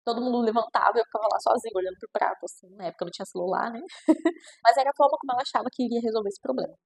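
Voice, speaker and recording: This child nutritionist, a woman with a Brazilian Portuguese accent, talks to camera in a slightly high, rapid-fire voice that's a little mellow and slightly rough, with vocal fry. Her reflective, casual chat is full of "né?" tags, and she mimics parents by changing her voice.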